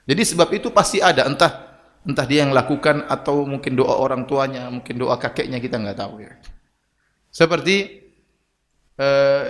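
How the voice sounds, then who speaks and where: Seorang pria berkhotbah dengan gaya bercerita, sering melempar pertanyaan retoris dan memerankan dialog. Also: male voice, mid-range voice, fairly bright tone. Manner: storytelling with rhetorical questions, acting out quoted dialogue. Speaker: preacher. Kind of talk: sermon. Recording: long hall reverb.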